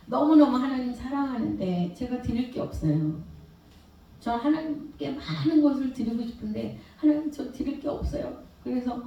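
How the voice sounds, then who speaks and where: A woman's voice: mid-range voice, warm tone, lo-fi sound. A middle-aged woman pastor giving an earnest sermon, telling her story with emotional swells and at times choked up. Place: church sanctuary. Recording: very echoey church hall, voice far from mic.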